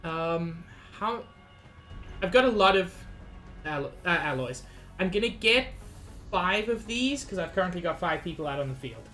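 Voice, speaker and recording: A slightly sick woman streams a game with faint music behind her, chatting anxiously to her viewers in casual commentary. Her voice is on the low side, expressive and a bit bright, at a normal speed.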